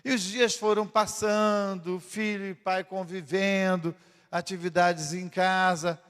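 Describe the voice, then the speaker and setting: A man, a pastor preaching a fervent sermon with dramatic pauses, in a church. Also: sits high, flat delivery, a bit bright, clear, resonant tone. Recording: echoey church hall.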